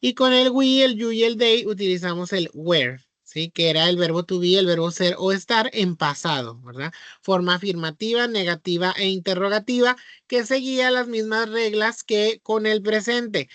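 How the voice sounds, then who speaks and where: Slow, patient Mexican teacher. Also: male voice, sits high, a bit bright, no echo. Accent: Mexican Spanish. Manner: patient, explanatory, checks with frequent "¿sí?". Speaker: English teacher. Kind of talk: online class review.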